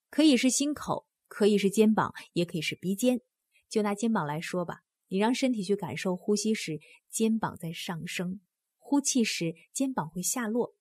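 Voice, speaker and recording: A woman with a husky, slightly breathy voice narrates a book summary in a scripted way. She talks earnestly and turns to the listener with direct questions. The sound is dry and close, with no room around it. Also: medium pitch, warm tone, no echo.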